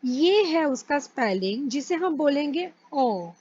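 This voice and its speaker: A woman with a high voice gives a casual French lesson. She speaks very slowly and patiently and sounds out each word letter by letter. The recording sounds dull and lo-fi. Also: very animated, a little mellow. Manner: slow, patient, spells words out letter by letter. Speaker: French teacher.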